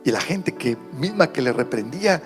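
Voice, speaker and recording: A man's voice: medium pitch, expressive, normal speed, soft background music. A man preaching an online sermon as pastor, repeating his phrases and building to fervent appeals.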